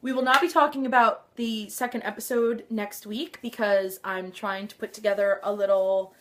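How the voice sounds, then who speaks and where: A woman hosting a casual fan vlog, gushing and excitable with lots of sighs, her nose a little stuffed up. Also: mid-range voice, moderate pace. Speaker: vlog host. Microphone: handheld camera.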